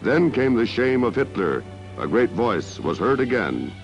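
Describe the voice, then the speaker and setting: A man's voice: mid-range voice, sing-song, a little slow. A man narrating an old 1960s newsreel in a declamatory, stately manner, heard on a film soundtrack. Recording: dull lo-fi 1960s newsreel audio with music.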